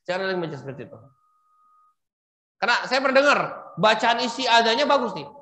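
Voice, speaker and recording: A man teaching Quran recitation rules to a class of women, patiently prompting them and demonstrating slow, drawn-out recitation. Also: very high voice, very animated, sharp tone. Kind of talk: tajwid lesson for women. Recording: echoey room.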